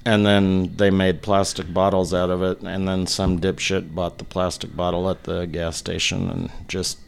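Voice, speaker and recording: A man's voice: low voice, flat delivery, moderate pace, gravelly, slight background noise. A man co-hosting a podcast, talking in a laid-back, casual way and swearing freely. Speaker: podcast co-host.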